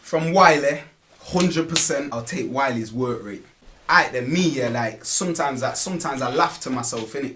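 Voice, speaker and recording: There's a slight hiss or hum as a man with a Nottingham accent, a rapper, talks in a casual street-slang interview. His mid-range voice is a bit bright, and he repeatedly tacks "you get me" and "innit" onto his lines.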